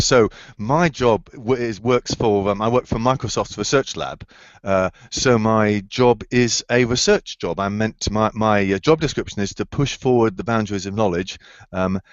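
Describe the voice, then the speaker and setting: A man with a fairly low voice answers students' questions enthusiastically during a remote Q&A, often searching for words with fillers and restarts. The audio sounds like a video call: dry and slightly dull.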